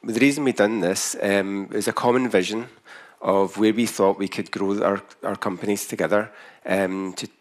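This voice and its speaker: A man's voice: on the low side, fairly even intonation, normal speed. A man with a broad Scottish accent giving a business presentation as a company founder, speaking carefully so listeners can follow. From Scotland.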